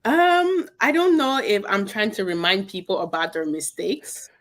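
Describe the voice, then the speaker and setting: A young woman from Cameroon, a guest on a video call interview, speaking in a reflective, soft-spoken way with many fillers. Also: medium pitch, very animated, measured pace. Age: young adult. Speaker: guest, podcast host.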